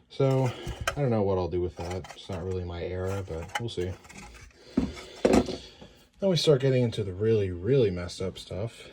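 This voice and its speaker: A man casually narrating an unboxing, relaxed and halting with many fillers, his voice a little worn. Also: sits low. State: slightly losing his voice. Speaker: model train hobbyist. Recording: loud background noise and crinkling.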